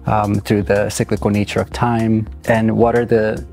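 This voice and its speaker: A man in his thirties from Puerto Rico, raised in New York, speaking thoughtfully as a choreographer in an interview, with many pauses and restarts. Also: on the low side, level tone, gravelly, darkish tone, soft background music. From Puerto Rico, raised in New York City. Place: large dance studio.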